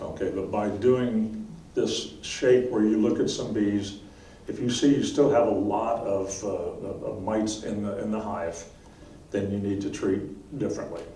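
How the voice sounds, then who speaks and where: A beekeeping instructor with a lowish, dark-toned voice teaches a class, answering questions plainly and practically and frequently checking in with "okay?". A distant mic in an echoey room captures him with faint noise.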